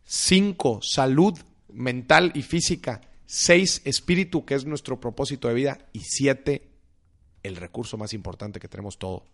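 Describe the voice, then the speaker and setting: A man's voice: medium pitch, moderate pace. A young man with a Mexican accent, a finance author chatting casually as a podcast guest, slangy and emphatic as he ticks off points.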